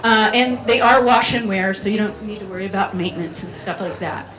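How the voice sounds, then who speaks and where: Her voice is mid-range, steady, brisk, and fairly bright as she gives a playful, chatty keynote at a community festival, drawing the audience in. The venue is captured from a distance, sounding roomy with faint ambience.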